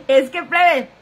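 A woman's voice: high voice, fairly bright tone. A woman hosting a casual gossip live stream, chatting straight to viewers, thanking commenters and sniffling now and then. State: sniffly, runny nose.

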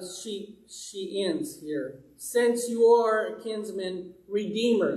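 A man with a fairly high voice preaches at an easy, slow pace, keeping his sermon conversational and dropping in light jokes. The sound carries the roomy echo of a church sanctuary. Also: a little mellow. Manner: conversational, with light humorous asides.

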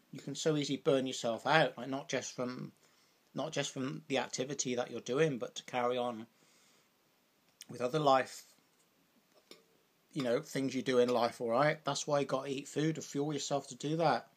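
A man's voice: mid-range voice, steady tone, moderate pace, pauses often. A young British man vlogging over a meal, rambling casually with lots of "like" and "you know". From Britain. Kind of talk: casual chat while eating.

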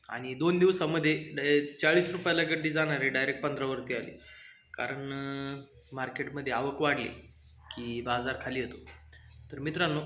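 Chatty farmer dad on a noisy outdoor vlog. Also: male voice, mid-range voice. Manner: coaxing and teasing his young son, loud market hawking calls. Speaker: vlogger and farmer, father. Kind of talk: casual vlog talk. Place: outdoors, fields and village market.

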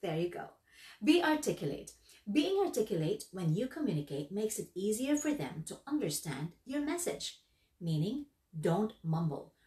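A woman giving instructional narration on workplace skills in a lively, emphatic, instructive way. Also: mid-range voice, moderate pace. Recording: echoey room, voice from far off.

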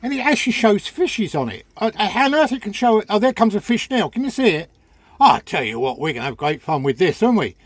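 A man's voice: sits high, big pitch swings, fast, dry recording. An older man talking casually to camera about his boat gear, chatty and rambling, stumbling and repeating words as he goes, filmed on a phone in a small boat cabin. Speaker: sailing vlogger. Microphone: phone camera at arm's length.

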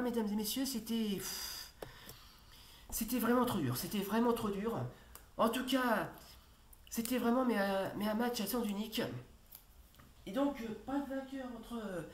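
A woman hosting a football video game let's play, commentating excitedly, shouting at the referee and hesitating often. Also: mid-range voice. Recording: roomy echo, faint noise.

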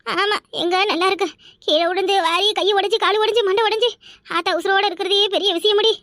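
A woman's voice: very high voice, steady tone, a little fast, fairly bright tone, no room sound, studio quality. A voice actor playing a quarrelsome old village mother-in-law in a cartoon, wailing and complaining melodramatically.

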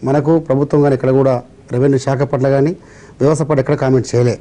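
A man's voice: mid-range voice, flat delivery, very fast, dark tone. A man with a Telugu accent, a revenue officials' representative on a TV debate, explaining measuredly and citing laws and history.

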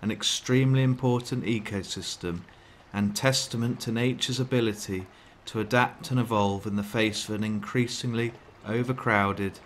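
A man with a fairly low voice narrates a nature documentary from a script. His delivery is that of a wildlife film narrator, with some ambient noise audible behind him. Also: fairly even intonation, moderate pace.

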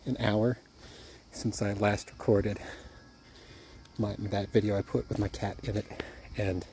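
A man's voice: on the low side, level tone, a little slow, warm tone, soft background music. A man talking through his thoughts in a casual vlog while out walking at night, a bit out of breath, rambling with restarts. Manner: rambling, thinking aloud with restarts. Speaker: YouTuber. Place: outdoors at night on a walk.

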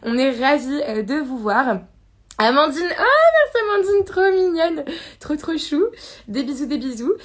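A high-pitched woman hosts a relaxed live stream. She chats easily, giggles often and reads viewer comments out loud as she goes. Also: normal speed. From France. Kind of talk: casual live unboxing chat.

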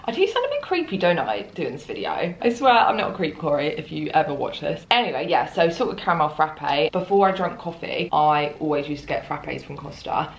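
A woman's voice: deep voice, big pitch swings, brisk, creaky, few pauses, muffled recording. A young woman chatting casually in a food vlog at home, bubbly and giggly. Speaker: food vlogger. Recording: roomy echo.

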